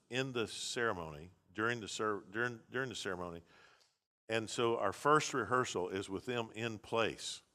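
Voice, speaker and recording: A man's voice: fairly low pitch, pushed and bright. A man, a pastor teaching a seminary class in a blunt, conversational lecture with many restarts.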